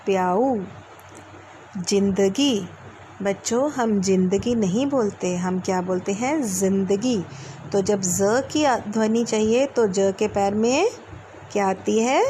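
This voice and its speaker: Woman schoolteacher, unhurried lesson delivery, drawn-out sounds, noisy recording with vehicles passing. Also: mid-range voice, mellow. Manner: slow, drawn-out sounding of letters and words. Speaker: school teacher. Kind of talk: recorded Hindi language lesson for children. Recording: clear background noise with passing vehicles.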